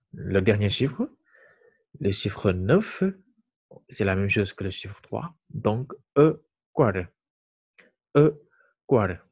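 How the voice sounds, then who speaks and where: A man teaching a lesson to viewers, slow and deliberate, repeating key words. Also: fairly low pitch, a little mellow, breathy edge. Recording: muffled lo-fi recording.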